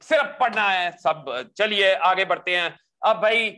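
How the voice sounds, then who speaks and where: A man giving a maths lecture, animated and repetitive, often pausing to ask for agreement. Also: high voice. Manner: animated, repeats "ठीक है जी", mixes English into speech. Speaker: maths teacher. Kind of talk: classroom lecture with pep talk.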